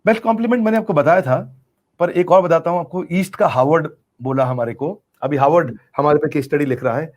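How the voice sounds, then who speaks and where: A man's voice: on the high side, fast. A middle-aged man answering interview questions in an earnest, emphatic way, repeating key phrases for effect. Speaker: business coach being interviewed.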